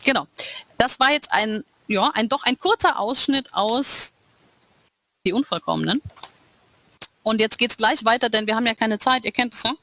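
A woman's voice: on the high side, normal speed, pauses often, bright, forceful tone. A woman author reading from her own novel and chatting casually with listeners in between.

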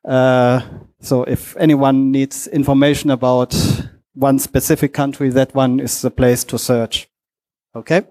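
A man who is not a native English speaker gives a lightning talk presentation in a halting, hesitant way, in short fragments. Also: mid-range voice, level tone, dark tone. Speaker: conference speaker.

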